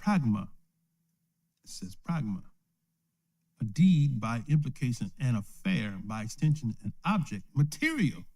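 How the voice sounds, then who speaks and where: A mid-range, slightly mellow voice with a sing-song lilt belongs to this elder, who speaks a little slowly with long pauses. Streaming live from home or a small study, he gives an informal Bible lesson, asking "right?" after most points and chuckling often.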